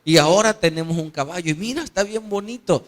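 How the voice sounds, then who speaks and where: A man acting out a reckless, impatient young son who exclaims and shouts, within a sermon story. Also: high-pitched, fast, close to an everyday voice. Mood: excited.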